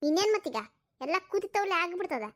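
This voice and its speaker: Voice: extremely high pitch, expressive, fast, a bit bright. A woman doing a bossy, mocking old mother. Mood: mocking scold. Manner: scolding, mocking. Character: sharp-tongued old mother, bossy mother-in-law. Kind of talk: cartoon voice acting.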